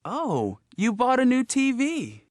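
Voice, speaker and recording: A speaker on a textbook recording reading example sentences with clear enunciation. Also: mid-range voice, wildly swooping pitch, takes it slowly, no echo, clean studio sound.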